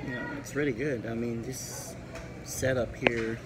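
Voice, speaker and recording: A middle-aged man casually vlogging his meal in a large restaurant, talking into a handheld phone camera with many relaxed fillers. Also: mid-range voice, measured pace, heavy background noise. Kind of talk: casual vlog narration. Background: loud music.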